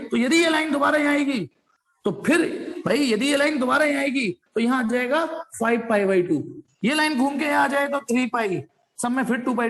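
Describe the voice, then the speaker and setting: High-voiced man teaching a physics class. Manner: addresses students directly, stops to ask them questions; repeats points over and over. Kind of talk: online class lecture.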